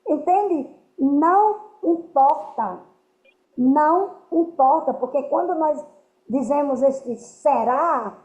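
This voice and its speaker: A woman's voice: sits high, darkish tone. A woman giving earnest spiritual teaching to a group, often checking that her listeners understand. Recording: roomy, dull lo-fi sound.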